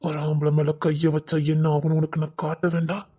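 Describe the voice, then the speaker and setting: Man voicing a vengeful, threatening thug for an audio story, higher-pitched voice, hard menacing delivery. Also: completely flat delivery, a little fast, mellow, slightly rough. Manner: threatening, drops to a hiss.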